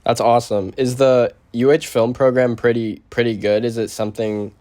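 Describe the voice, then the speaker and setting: A man's voice: medium pitch, level tone, moderate pace. A man in his twenties hosting a campus interview show and asking his guest questions in an easygoing, plain-spoken way. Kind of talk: casual interview. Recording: loud music behind the voice.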